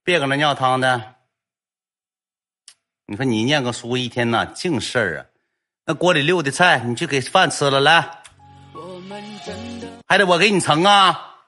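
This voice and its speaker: A man with a Northeastern Mandarin accent playing a gruff old grandfather who grumbles and scolds. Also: mid-range voice, normal speed, long pauses, sharp tone, faint music behind, lightly acted. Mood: grumbling.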